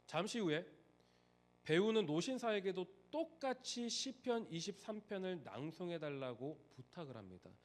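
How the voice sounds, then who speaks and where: Man, pastor, sermon, high voice, very animated delivery. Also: normal speed. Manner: animated, swings between loud emphasis and hushed asides.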